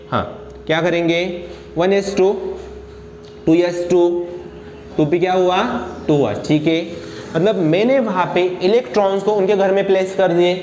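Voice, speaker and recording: A man teaching a chemistry lesson, playful and quizzing his students with quick questions. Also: sits high, darkish tone. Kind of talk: classroom lecture. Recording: echoey room with faint noise.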